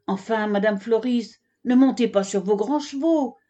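A woman's voice: a little high, a little slow, warm tone, muffled recording. A woman voicing a polite, distinguished male camel who stammers when cornered, in a children's storybook. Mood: flustered. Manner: hesitant, stammering.

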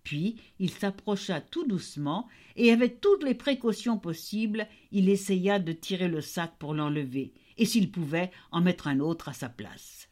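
Expressive woman reading a fairy tale. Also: lowish voice, unhurried, hardly any pauses. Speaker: storyteller. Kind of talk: fairy tale read aloud.

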